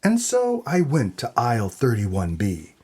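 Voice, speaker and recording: A man's voice: mid-range voice, huge pitch swings, measured pace, dark tone, breathy edge, full character voice. A man playing a brash, dim hard-boiled noir detective in a comedic audio drama, with a tough-guy delivery. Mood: smarmy.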